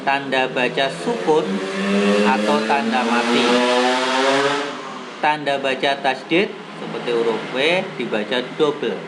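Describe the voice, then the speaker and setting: A man's voice: mid-range voice, unhurried, long pauses. A man teaching a Quran reading lesson, explaining patiently and chanting the verses in a melodic recitation. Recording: audible background noise.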